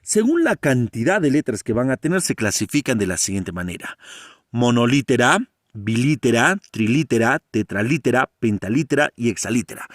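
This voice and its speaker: A male teacher giving a grammar lesson, often asking his students questions and drawing out key words slowly. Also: medium pitch, no echo, studio quality. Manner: animated, asks students frequent questions.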